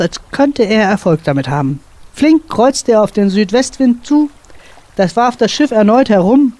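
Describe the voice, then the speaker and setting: A woman author reading a dramatic sea story aloud on a radio show, expressive and building tension. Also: medium pitch, no room sound. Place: radio studio.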